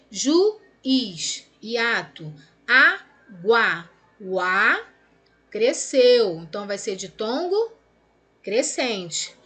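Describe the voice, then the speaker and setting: Slow, high-voiced Brazilian teacher woman. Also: fairly bright tone. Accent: Brazilian Portuguese. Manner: explains step by step, checks in with "tá?"; stretches out words slowly to separate syllables. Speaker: Portuguese grammar teacher. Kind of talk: recorded lesson correcting exercises.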